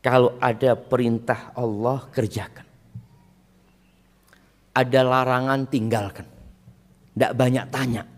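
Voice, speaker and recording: A man with an Indonesian accent preaching a sermon, telling stories and acting out quoted voices, dropping to whispers and rising to emphatic peaks, reciting Arabic slowly. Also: mid-range voice, steady tone. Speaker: Islamic preacher.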